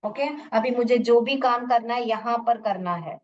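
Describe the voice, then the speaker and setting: Slow, distant woman teaching phonics. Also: a little high. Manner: explains step by step, sounding words out slowly; mixes Hindi with English teaching phrases. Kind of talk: phonics lesson to parents or teachers. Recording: muffled, distant from the mic.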